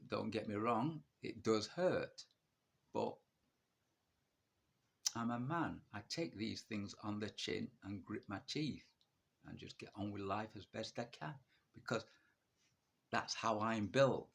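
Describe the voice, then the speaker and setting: A man in his early sixties speaks in a blunt, defiant monologue, putting questions to himself and answering them flatly. His voice is husky and sits a little low. He often repeats a word as he restarts a thought. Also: takes it slowly, long pauses. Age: 60s. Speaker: vlogger sharing his illness. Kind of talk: direct-to-camera monologue.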